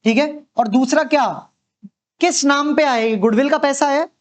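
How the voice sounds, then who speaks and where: A man's voice: very high-pitched, normal speed. A man teaching accountancy in a lecture, posing questions and answering them the way his students would, and checking in with a frequent "okay". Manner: repeats a reassuring "okay" to check understanding. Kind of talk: classroom lecture.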